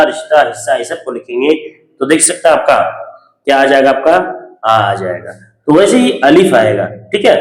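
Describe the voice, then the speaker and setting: A man teaching an exam-prep grammar lesson, asking questions and answering them himself and repeating key terms often. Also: medium pitch. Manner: repeats key terms with frequent "theek hai". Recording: echoey room.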